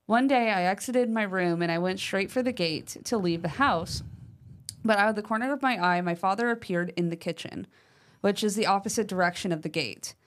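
Speaking fairly quickly at a medium pitch, a woman co-hosting a paranormal show reads out a listener's letter with lively emphasis. Her casual chat is sprinkled with "like" and "um."

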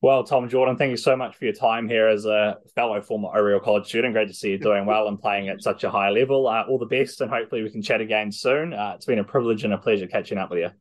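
A man interviewing a guest, firing off quick, friendly questions. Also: fairly low pitch. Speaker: interviewer, producer. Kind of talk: casual interview.

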